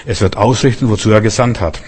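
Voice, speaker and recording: A man preaching a sermon in an earnest, lively way, with sudden loud emphases, soft drops and excited stammers. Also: on the low side, fast talker, breathy edge. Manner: stammers and restarts when excited. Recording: long hall reverb.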